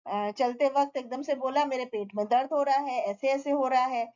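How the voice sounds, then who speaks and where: An anxious father frets and explains, as a woman reading a story aloud puts him on. Her voice sits fairly high, and the recording is a little muffled and lo-fi. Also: moderate pace, darkish tone, natural voice. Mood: worried. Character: worried father of a sick boy. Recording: slightly dull lo-fi recording.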